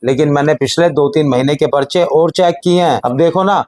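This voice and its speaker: A man playing a calm, patient elder brother. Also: a little high, a little fast, lightly acted. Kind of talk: Hindi family drama acting.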